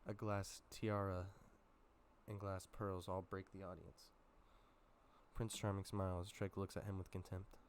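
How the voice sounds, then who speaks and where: Deep-voiced man reading a script aloud. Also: flat delivery, unhurried, slight background noise. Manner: plain reading with asides and stumbles. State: sore throat. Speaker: YouTuber reading a film script. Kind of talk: casual script read-through.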